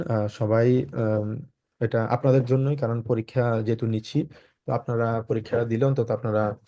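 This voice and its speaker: A man's voice: mid-range voice, warm tone. A man teaches a German class online, talking loosely with many fillers. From Bangladesh. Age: 20s. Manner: slow, clearly spaced model sentences. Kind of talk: online lecture to students.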